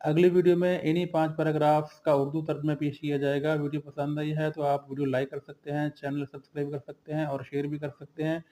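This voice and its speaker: Guy teaching words, flat steady delivery, kinda low dark tone, drills lists slowly. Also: poor audio. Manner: slow and steady, drills word lists with brief glosses. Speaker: English teacher. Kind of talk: vocabulary lesson, listing synonyms and antonyms.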